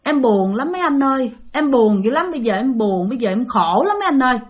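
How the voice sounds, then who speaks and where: A woman's voice: high voice, expressive, quick pace. A woman voicing a grieving, tearful drunk man, lamenting over and over. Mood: plaintive. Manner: plaintive, repetitive lament.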